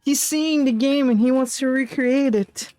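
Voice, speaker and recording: A woman streamer giving chatty let's-play commentary, giggling and reacting out loud. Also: high voice, unhurried, no room sound. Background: faint lofi music.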